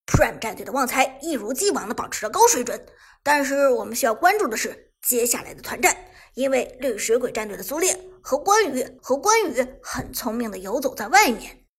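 A woman voicing a calm esports commentator explaining the match in a steady way. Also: high-pitched, a little fast, husky, exaggerated voice. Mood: analytical.

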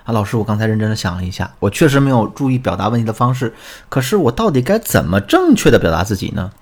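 A man's voice: fairly low pitch, big pitch swings, fast. A man voicing an upset young wife who pleads and complains about her husband. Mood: aggrieved. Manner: pleading, plaintive.

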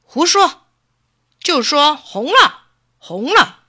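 A woman voicing a boastful storybook fox who copies a tiger and scolds loudly. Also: on the high side, sing-song, slow, no echo, clean studio sound, pitched above the performer's own voice, exaggerated voice. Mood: angry. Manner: bossy, scolding, loud. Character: boastful fox copying a tiger, quick-tempered.

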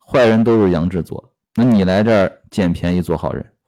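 A deep, dark-toned man talks briskly. In his role as storyteller and commentator, he recounts an episode from a classic novel and comments on it in workplace terms, with frequent fillers and rhetorical questions.

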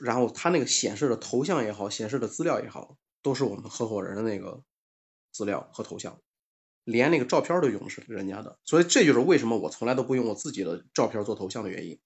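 A man's voice: lowish voice, animated, fast talker, muffled recording. A man in a casual panel chat, telling a personal story and acting out the dialogue, with plenty of fillers and restarts.

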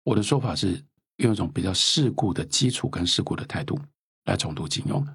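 Very husky, lively man in his fifties. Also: deep voice, fairly quick, no room sound, studio quality. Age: 50s. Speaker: author and lecturer guest. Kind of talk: reflective interview talk.

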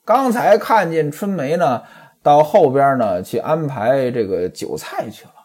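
A man's voice: fairly high pitch, lively intonation, unhurried, a little mellow, husky. A man voicing a clever young maidservant in a spoken storytelling of a classic novel, asking around with casual, feigned indifference. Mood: curious.

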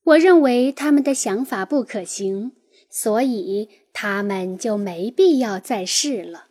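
A woman narrating a nonfiction book in a calm, measured first-person reading. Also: medium pitch. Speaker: audiobook narrator.

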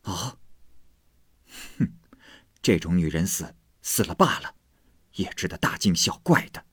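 A stern, impatient noble lady snaps and scolds, as a male storyteller puts her on. The voice is lively in pitch and a little husky, close and dry. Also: measured pace, dry recording, full character voice. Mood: scornful. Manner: sharp, scolding.

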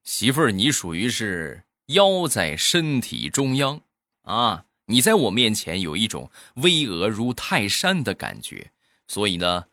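A man telling a comic joke monologue in a lively way, with drawn-out particles on his punchlines. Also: on the low side, no room sound, clean studio sound. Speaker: comic storyteller.

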